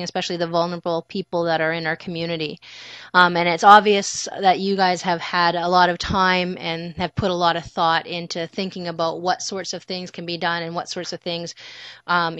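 A woman's voice: on the low side, fairly bright tone, clear, resonant tone, no echo. A woman city councillor politely asking presenters a question at a council meeting, speaking into a table microphone. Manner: polite, measured and appreciative. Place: council chamber.

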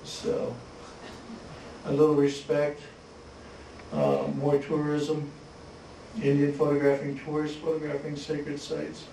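A man presenting his photographs at a symposium, talking in a relaxed, halting way with many restarts and chuckles. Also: fairly high pitch, creaky. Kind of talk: slide talk at a symposium. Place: museum lecture hall. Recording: echoey hall, distant mic, faint hiss.

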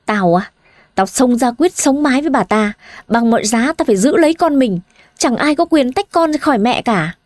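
A woman's voice: fairly high pitch, animated, normal speed, no echo, studio quality, close to an everyday voice. A woman voicing a blunt, fiery young woman who urges her friend to stand up for herself. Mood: urging. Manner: forceful, urging.

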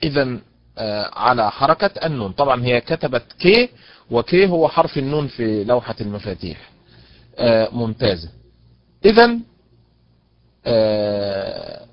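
A man gives an online lesson on recitation, slowing right down to stretch out each example word. His voice sits at an ordinary middle pitch. The audio is dry and somewhat dull, like a lo-fi webinar stream. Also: no room sound. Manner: explains patiently, drawing out example words slowly; praises students by name as they answer. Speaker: Quran recitation teacher. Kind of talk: online lecture on Quranic stress rules.

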